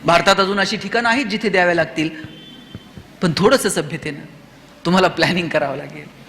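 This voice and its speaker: A man with a Marathi accent giving a motivational speech to students in an auditorium, full of rhetorical questions and animated storytelling. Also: sits high, a little fast, vocal fry, a little hiss or hum. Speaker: motivational speaker. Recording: reverberant hall.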